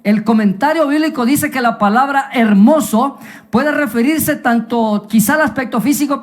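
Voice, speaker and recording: A preacher delivering a dramatized sermon, telling the story with lively asides and questions to the congregation. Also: mid-range voice. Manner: animated storytelling with humorous asides.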